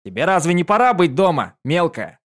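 A man voicing a brash tomboy pegasus mare with a husky voice in an audiobook reading. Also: a little high, big pitch swings, a little fast, pitched above the performer's own voice. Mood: gruff.

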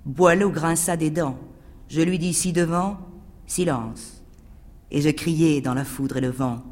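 A man giving a theatrical recitation of verse, declamatory, swinging from hushed whispers to ringing cries. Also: fairly high pitch, big-room sound.

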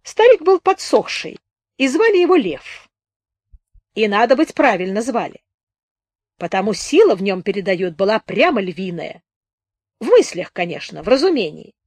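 A woman voicing a thin-bearded wounded soldier with a high boyish voice, telling a folksy tale in a slow, plain manner. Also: big pitch swings, a little mellow, dry recording. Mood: storytelling. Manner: unhurried folksy village speech.

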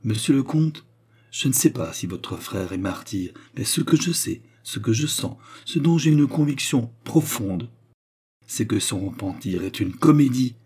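A man's voice: medium pitch, moderate pace, mellow, breathy edge, close to an everyday voice. A man reading a novel aloud, voicing a proud young woman who speaks with fervent insistence.

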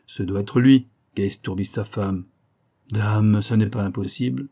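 A man's voice: on the low side, steady tone, normal speed, gravelly, mellow. A man reading a novel aloud, voicing a playful, lecturing male amateur detective who teases his young listeners. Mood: teasing. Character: clever, teasing older male amateur detective.

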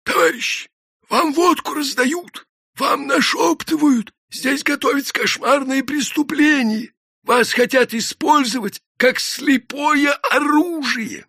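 A man voicing a hoarse, agitated worker who shouts speeches at a crowd. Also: extremely high pitch, slow, dry recording, studio quality, pitched above the performer's own voice, heavily acted. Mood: shouting. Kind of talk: audiobook character voice.

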